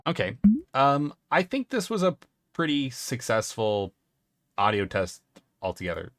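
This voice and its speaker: A man's voice: medium pitch, sing-song, measured pace, a bit bright. A man hosting a live stream in casual chat, joking, laughing often and rambling loosely. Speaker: stream host.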